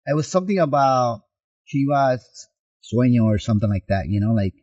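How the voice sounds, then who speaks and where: A man's voice: medium pitch, a little fast, lo-fi sound. A man from Mexico, a soccer coach and podcast guest, telling his life story in conversation and acting out the dialogue he remembers. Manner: animated retelling that acts out quoted dialogue.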